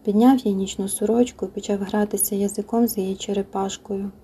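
Husky, dark-voiced woman reading a novel. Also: medium pitch, little pitch movement, quick pace. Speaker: audiobook narrator. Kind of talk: scripted narration of a novel.

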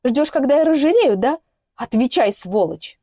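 Woman doing young female captive, shrill and furious, audiobook. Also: lively intonation, moderate pace, dry recording, studio quality. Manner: shouting, hysterical outbursts.

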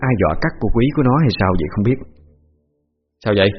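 A man's voice: mid-range voice, very animated, rapid-fire. A man narrating a first-person story in a casual, joking way, voicing his friends' lines too. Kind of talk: first-person spoken narration with voiced dialogue. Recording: slightly dull audio with faint music underneath.

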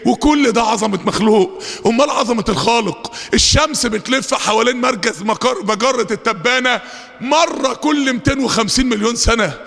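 Fiery Egyptian preacher shouting in a hall. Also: male voice, very high-pitched, vocal fry. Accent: Egyptian Arabic. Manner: fiery, swinging from fast asides to drawn-out shouted verses. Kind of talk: Friday sermon. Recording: long hall reverb.

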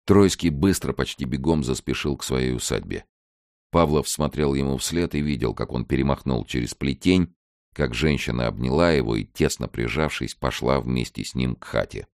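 A man reading a novel aloud, voicing every character, with lively delivery that rises sharply for shouted dialogue. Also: rumbling low, moderate pace, dry recording, clean studio sound. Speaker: audiobook narrator.

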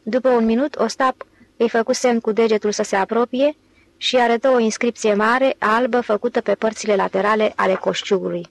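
A woman narrating an audiobook in a steady, even reading voice. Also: on the high side, vocal fry, no room sound, low-quality recording. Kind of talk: scripted narration.

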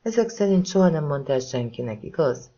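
A man voicing a composed female investigator who asks questions calmly and gently, in a husky voice. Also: on the high side, dull audio. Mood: gentle.

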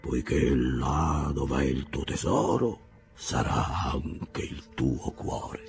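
A man's voice: rumbling low, soft background music, pitched below the performer's own voice. Man doing a sepulchral, stingy old shipowner. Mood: mumbling. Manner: slow, sepulchral, preachy. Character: solemn, pious old male shipowner, stingy and unflappable. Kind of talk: audiobook character voice.

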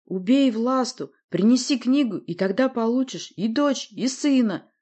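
A woman plays a ruthless scheming uncle in an audiobook, barking curt commands with calm menace. The voice sits raised and lively, rising and falling. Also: a little high, a little slow, voice pushed up. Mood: commanding. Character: scheming older male uncle villain, cold and ruthless. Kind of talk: audiobook character voice.

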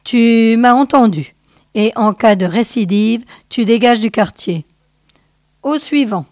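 A woman voicing a calm, wise older man who settles disputes, speaking with patient authority. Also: on the high side, slow, no room sound, clean studio sound. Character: calm, wise older male community elder.

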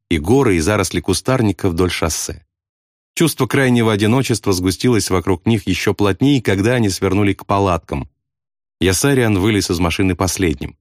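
Man narrating an audiobook, lowish voice, lively expressive delivery, dry close sound. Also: dry recording. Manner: expressive storytelling.

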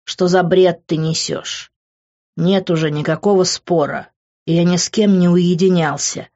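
A woman voicing an angry, brusque young man who talks in a slow, low hiss, on a dull lo-fi recording. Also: steady tone, a little mellow, close to an everyday voice. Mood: angry, heated.

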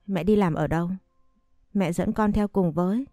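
A woman's voice: on the low side, normal speed, warm tone, dry recording, studio quality, faint music behind, lightly acted. A woman reading a tearful little girl pleading. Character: pleading ten-year-old girl. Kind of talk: audio story reading.

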